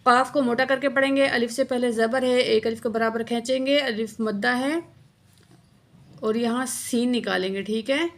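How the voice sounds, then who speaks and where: A woman teaching Quran recitation word by word, explaining each letter patiently and reciting slowly. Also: a little high, fairly even intonation. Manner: slow drawn-out recitation of verses. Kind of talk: word-by-word tajweed lesson with slow recitation.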